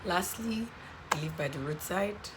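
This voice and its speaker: A Nigerian skincare vlogger, croaky from a cold, chats casually on camera about a skincare product, dropping plenty of "um"s and "okay"s. Her fairly low voice is expressive and measured in pace. She's in a home room by a sunny window near a road, with passing cars clearly audible behind her.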